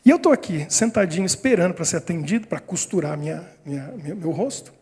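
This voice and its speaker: A Brazilian man in his fifties, a pastor telling a story in a sermon, with a high, slightly husky voice. He acts out the people in his story with animated voices, and his words ring out with the long reverb of a church hall. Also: quick pace. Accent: Brazilian Portuguese. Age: 50s.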